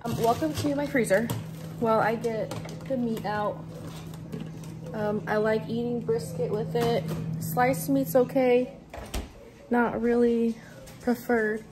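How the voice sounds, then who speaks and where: A woman in her late twenties chats straight into her phone as she preps food at a small kitchen counter. She is blunt and casual and swears often. Music plays clearly under her voice. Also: fairly high pitch, fairly even intonation, slow, pauses often. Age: late 20s. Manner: blunt, profane, chatty. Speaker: vlogger. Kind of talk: casual vlog chat. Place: small apartment kitchen, indoors.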